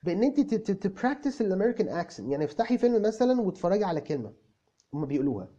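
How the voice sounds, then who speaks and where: A man with an Egyptian Arabic accent, racing along in a high, sing-song, warm voice, plays a confident young English tutor replying to viewer comments in a comic video lesson. He's breezy and explanatory, stammering through restarts and repeating examples. The lo-fi recording sounds dull.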